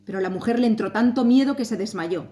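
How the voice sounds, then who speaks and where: A woman reading a folk tale aloud, expressive and rhythmic, with playful sound words. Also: a little high, fast. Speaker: storyteller at a talk.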